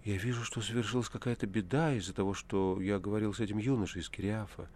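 A gentle, earnest young prisoner in an audiobook, voiced by a male reader. He speaks softly and calmly. The voice sits low, kept quiet and restrained. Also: fast, slight background noise, natural voice. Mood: sorrowful. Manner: soft, earnest and calm. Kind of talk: audiobook character voice.

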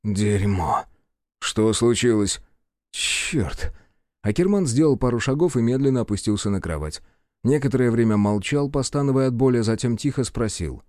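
A man narrating an audiobook with an expressive reading. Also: medium pitch, fast talker, no room sound, clean studio sound. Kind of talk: scripted narration.

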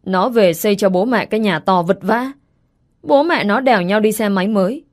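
A woman's voice: mid-range voice, normal speed, close to an everyday voice. A woman voicing a blunt, nagging older rural mother.

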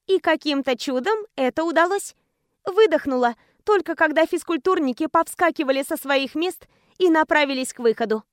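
A woman's voice: sits high, dry recording, studio quality. A woman narrating a romance novel in the first person, reading expressively. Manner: expressive reading, voicing each character. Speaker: audiobook narrator.

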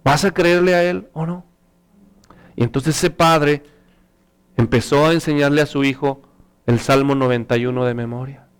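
Earnest high-voiced male preacher. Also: normal speed, pauses often, clean tone. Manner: earnest and animated, rises in pitch for emphasis. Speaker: pastor. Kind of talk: sermon with storytelling.

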